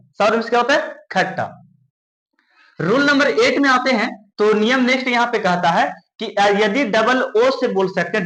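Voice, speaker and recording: A bright high-voiced teacher. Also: male voice, roomy sound. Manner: asks a question and answers it himself, repeating words slowly. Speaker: English teacher. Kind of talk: classroom lesson at a board.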